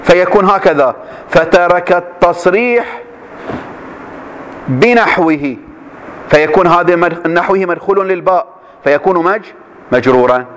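A man teaching a class, reading a text slowly and then explaining it with quick questions to his students. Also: fairly high pitch, fairly bright tone.

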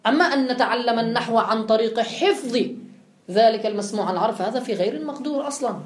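A woman's voice: a little high, very fast, reverberant, a little hiss or hum. A woman giving a classroom lecture, explaining step by step and putting questions to her students before answering them. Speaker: teacher.

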